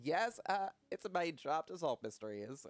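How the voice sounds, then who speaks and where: A man's voice: a little high, big pitch swings, normal speed, dry recording, pitched above the performer's own voice. A man voicing an earnest, upbeat frog detective in a game, with faint music behind. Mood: eager.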